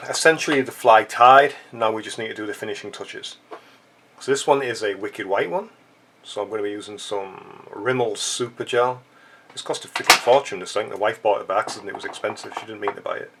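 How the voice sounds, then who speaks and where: Against a noisy background, a fly-tying channel host with a blocked-up nose guides viewers through a tutorial. He speaks fairly quickly in a lowish voice, staying chatty and dropping joking asides as he ties.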